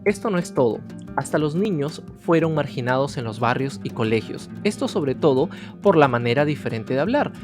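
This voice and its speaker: A man's voice: medium pitch, lively intonation, normal speed. A man narrating an educational history video, telling the story directly to the viewer. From Peru. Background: guitar music.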